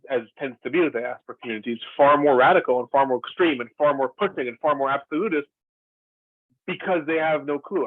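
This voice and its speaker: A former lecturer from Israel talks at length over a video call in an earnest, thoughtful discussion, full of fillers and restarts. His voice is medium-pitched, and the call audio is tinny and dry.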